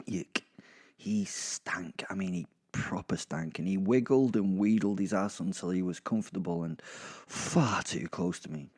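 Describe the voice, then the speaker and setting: Deep-voiced and darkish in tone, this British man speaks at a measured pace. He tells a horror audio drama in first person, conversational and wry, tossing in the odd swear.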